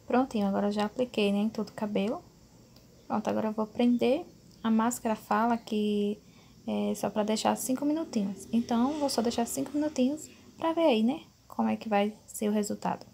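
A fairly high, creaky, dark-toned voice comes through a little fast over slight background noise. It belongs to a Brazilian woman in her thirties, a beauty vlogger casually explaining her hair-care routine from a small bedroom indoors at home. She chats away, says "né" a lot, calls her audience "gente," and keeps asking them to agree.

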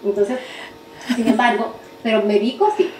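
A woman teaching a spelling masterclass over a video call, talking quickly and correcting herself as she explains. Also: fairly high pitch, roomy sound, a little hiss or hum, rough recording. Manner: fast-talking, self-correcting, animated teacher. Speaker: guest instructor.

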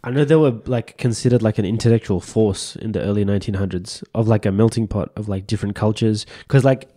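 A man's voice: on the low side, fast, warm tone, no room sound, studio quality. A man co-hosting a podcast, talking loosely and offhand, with many fillers. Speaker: podcast co-host. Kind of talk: casual discussion.

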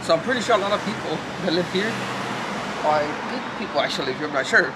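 A young man vlogs casually to camera, shaking from cold, talking loosely with lots of swearing and fillers, first on a city street and later in a hotel room. A friend films on a handheld camera, picking up noisy street and room ambience. His voice is high-pitched, animated and fast.

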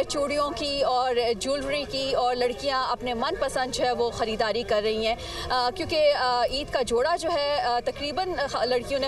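A woman field reporter with a Pakistani Urdu accent, reporting live from a crowded outdoor market and hesitating with frequent fillers. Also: high voice. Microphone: handheld mic. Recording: distant mic with crowd noise.

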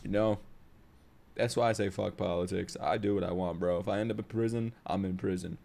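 A man's voice: deep voice, steady tone, fairly quick, vocal fry, darkish tone. A young man hosting casual, unscripted reaction videos, talking in slangy, swear-filled language into a close mic. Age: young adult. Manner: profane, slangy. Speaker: host of anime reaction videos. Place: home living room with open kitchen. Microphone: close microphone on boom arm.

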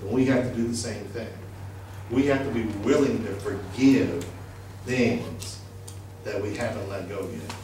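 A middle-aged pastor's voice is fairly low, a little slow and darkish, with a touch of hiss or hum on the recording. Preaching into a handheld mic in a small church sanctuary, he's emphatic and conversational, asking his congregation questions, captured echoey from a distant camera.

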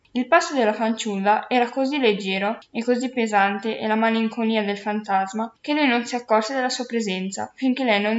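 A woman reads a storybook aloud in a steady, measured way. Her voice sits slightly high. The sound is roomy and dull, with clear echo and a lo-fi tone. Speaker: audiobook narrator. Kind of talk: storybook narration.

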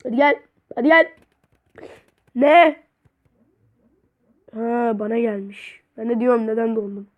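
A young woman with a slightly high voice gives gameplay commentary at an unhurried pace. She cheers her goals and taunts her opponent, letting out sudden excited bursts between quieter remarks. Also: dull audio. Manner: excitable, cheering and trash-talking at the game. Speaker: gaming YouTuber.

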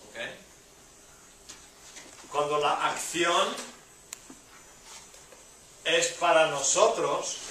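A man's voice: on the high side, sharp tone, slight background noise. A man teaching a university language class, drilling phrases with emphatic repetition and playful exclamations, recorded in a classroom from a distant camera. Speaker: Spanish teacher. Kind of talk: classroom lecture. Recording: very echoey classroom from far off.

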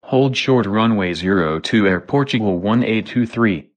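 Deep-ish guy doing pilot calls in a flight sim, clipped and procedural. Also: lively intonation, normal speed. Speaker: airline pilot in flight simulation. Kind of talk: pilot radio readback.

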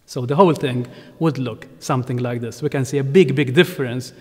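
A middle-aged man lectures on art history from a lectern in a grand church. He speaks animatedly, hedging with ums and restarting phrases. His voice sits at an ordinary pitch and rings with the long reverb of a large stone hall. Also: brisk, mellow. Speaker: researcher and curator giving a talk. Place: ornate church interior at a lectern.

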